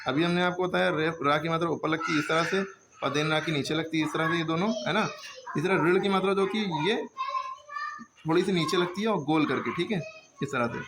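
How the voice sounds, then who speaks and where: Patient male teacher, a little high. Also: brisk, noisy background. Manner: patient, explains step by step, checks often. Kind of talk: handwriting lesson.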